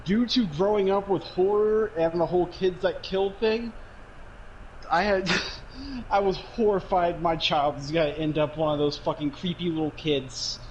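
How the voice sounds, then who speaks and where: Young guy cohost, high lively voice, swears a lot, laughs, faint hum behind. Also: normal speed, highs cut off. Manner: rambling, swearing, laughing often. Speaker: podcast co-host. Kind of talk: casual chat.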